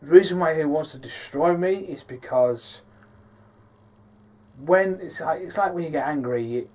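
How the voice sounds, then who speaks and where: A man's voice: on the high side, a little slow, darkish tone. Hesitant man rambling about his films. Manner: rambling, hesitant with many fillers. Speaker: filmmaker. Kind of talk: casual behind-the-scenes talk.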